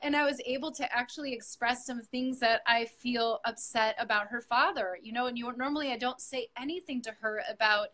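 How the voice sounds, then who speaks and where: Speaking briskly with few pauses, a middle-aged woman who teaches yoga tells her coach her story in an earnest, reflective testimonial interview. Her voice is on the high side and fairly bright, and she often uses fillers and restarts.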